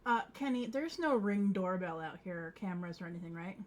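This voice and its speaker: A woman's voice: on the low side, lively intonation, brisk, slight background noise. A woman chatting casually as a player in a tabletop role-playing game.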